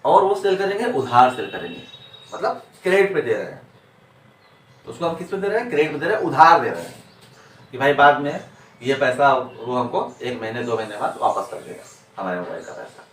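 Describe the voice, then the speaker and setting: A man's voice: medium pitch, lively intonation, fairly quick, a bit bright. A man teaching accounting in a classroom lecture, repeating points and answering his own rhetorical questions. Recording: echoey room, distant mic, faint noise.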